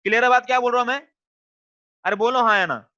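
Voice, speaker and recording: A man teaches an online class in a high voice, repeating questions until the students answer. His voice is bright and ringing. The sound is dull and lo-fi. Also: fast.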